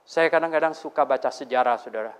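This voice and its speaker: A man preaching a Sunday sermon to a congregation, telling stories and questioning his listeners in an animated way. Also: mid-range voice, fast talker, smooth. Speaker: pastor. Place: church before a congregation.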